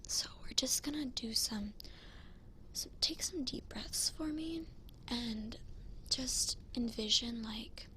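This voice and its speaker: A woman doing a fast-whispered ASMR role-play as a flaky, self-assured psychic, rambling in a breezy, informal way. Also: on the high side, sharp tone, a little hiss or hum. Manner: rambling, breezy, informal filler-heavy talk. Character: flaky, self-assured female psychic giving a cleansing session.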